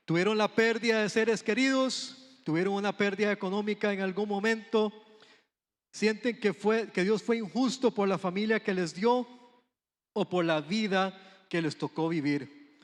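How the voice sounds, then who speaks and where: Costa Rican male preacher, high voice, sermon with a long hall echo. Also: moderate pace. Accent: Costa Rican Spanish. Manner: conversational preaching, asks the congregation questions. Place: church sanctuary.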